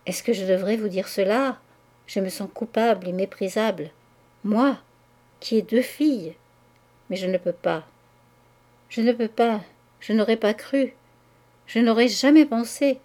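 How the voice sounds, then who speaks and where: A woman's voice: mid-range voice, measured pace, mellow, close to an everyday voice. A woman reading the lines of a guilt-stricken married woman who confesses her love in a breathless, faltering voice. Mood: tormented confession.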